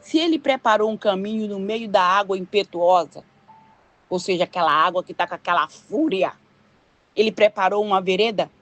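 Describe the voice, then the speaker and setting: An older woman with a Brazilian Portuguese accent gives an informal sermon at a church. She talks to the congregation like a neighbour, dropping tag questions and rhetorical asides as she goes. Her pitch sits at an ordinary middle height for a woman. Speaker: preacher.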